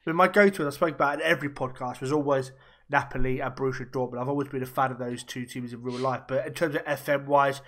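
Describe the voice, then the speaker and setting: A young man hosting a casual podcast interview, chatty and quick with rapid-fire questions. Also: mid-range voice, steady tone, fairly bright tone. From raised Welsh, born in Germany. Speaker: podcast host.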